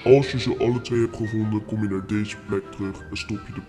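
A man's voice: fairly low pitch, steady tone, fast, music in the background. A man putting on a distorted mystery prankster voice. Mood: teasing. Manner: smug, teasing, laughs at his own prank. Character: mysterious teasing male prankster voice. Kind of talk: comedy sketch.

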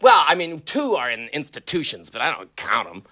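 A shrill, gushing celebrity interviewer. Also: male voice, huge pitch swings, moderate pace, bright, forceful tone, raised voice, exaggerated voice. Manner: gushing, rambling, swooping pitch, catty asides. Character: pompous clueless male celebrity interviewer, middle-aged. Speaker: talk show host. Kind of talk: improvised comedy interview.

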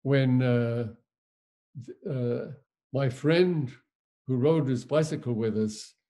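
An older man from Germany, a Holocaust survivor recounting his memories in a lecture, speaking in a halting, reflective way with many pauses. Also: medium pitch, warm tone.

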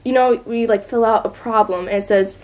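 A teenage girl tells a long story as a podcast guest, in a chatty voice pitched a bit high. She laughs her way through the funny parts. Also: steady tone, a little fast, a little mellow. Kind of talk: casual storytelling.

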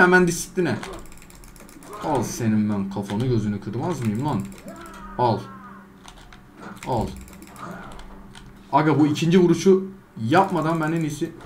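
A man doing gameplay commentary, trash-talking game characters and swinging between loud outbursts and low mutters. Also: slight background noise. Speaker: gaming YouTuber.

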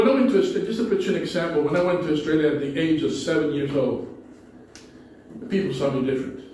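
Speaking from the pulpit of a small church hall with a low ceiling, a middle-aged Spanish-accented pastor from a Spanish-speaking country delivers a conversational sermon and frequently starts his sentences over. His voice is warm and fairly high. The pulpit mic and distant camera pick up an echoey hall along with a little hiss or hum.

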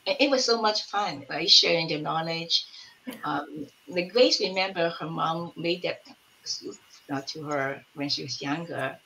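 A woman in her sixties, a community elder and member of a collective, chats casually on a panel video call from a room at home, telling stories warmly while searching for words. Her voice is low, gravelly and measured in pace. The laptop mic gives poor audio with a little hiss or hum.

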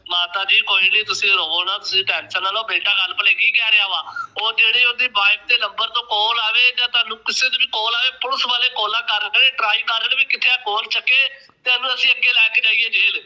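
High, fast, insistent male caller. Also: fairly even intonation, pushed and bright, muffled recording. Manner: insistent, repeats instructions. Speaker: phone caller. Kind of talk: phone call.

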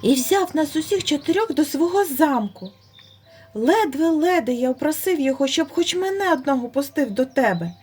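A woman's voice: high-pitched, animated, moderate pace, a little mellow, faint music behind, voice pushed up. A woman voicing a small, timid but cunning male hare who speaks with exaggerated politeness. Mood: persuasive. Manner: very polite, pleading.

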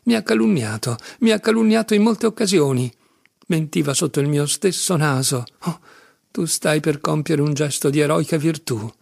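A man's voice: on the high side, fairly even intonation, normal speed, creaky, dry recording, clean studio sound. A man reading an audiobook, voicing a tormented young man who speaks insistently and with agitation. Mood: agitated.

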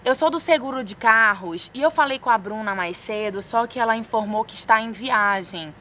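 Bright-voiced Brazilian woman on a polite call. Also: a little high, normal speed, slight background noise. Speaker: contestant making a prank call. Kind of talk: polite improvised customer-service phone pitch. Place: stone-walled room.

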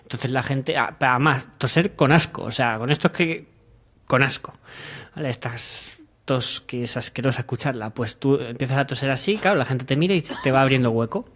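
Speaking at a moderate pace in a mid-range voice, a young Madrid man contributes humor to a comedic radio chat from a small studio. He's animated and gestures as he performs dialogue in different voices, talking into a stand-mounted desk mic.

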